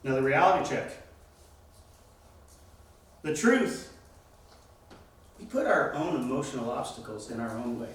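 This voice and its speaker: A man's voice: medium pitch, very animated, measured pace, pauses often, recorded from a distance, a little hiss or hum. A man teaching a Bible class, speaking emphatically and asking the class questions. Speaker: church teacher. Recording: echoey room, voice from afar.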